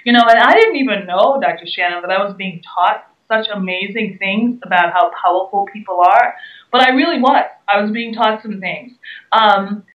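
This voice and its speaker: A woman's voice: medium pitch, moderate pace. Earnest woman from the Bahamas, distant and roomy. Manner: earnest, emphatic, repeats key words. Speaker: guest speaker and entrepreneur. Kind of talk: interview answers. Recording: roomy, distant, dull sound.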